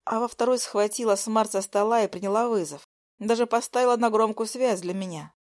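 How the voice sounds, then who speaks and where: A woman's voice: a little high, brisk, a little mellow. Woman narrating a romance audiobook. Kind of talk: first-person audiobook narration.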